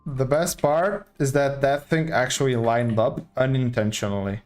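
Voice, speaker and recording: A young Portuguese man casually thinks aloud while live-streaming a building game, giving live gameplay commentary. His mid-range voice is fairly even at a normal speed, with faint music in the background.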